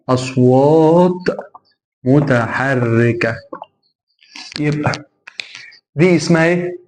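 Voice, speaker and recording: A man's voice: mid-range voice, a little mellow. A man with an Egyptian Arabic accent teaches an English lesson. He drills sounds over and over, stretching them out. Faint noise sits behind his voice. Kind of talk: classroom lesson explanation.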